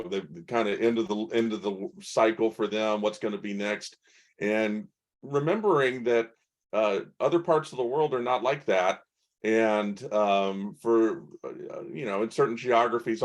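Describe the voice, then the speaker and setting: Man hosting a panel, rambling. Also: fairly low pitch. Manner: rambling, many fillers and restarts. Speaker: show host. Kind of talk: panel discussion moderation.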